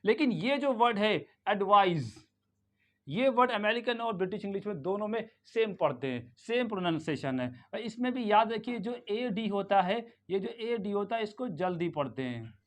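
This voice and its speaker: Hindi-speaking man with a Lucknow accent teaching pronunciation. He drills words slowly and asks questions he answers himself. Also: high-pitched, big pitch swings. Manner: drills words by repeating them slowly with emphasis. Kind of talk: classroom-style pronunciation lesson.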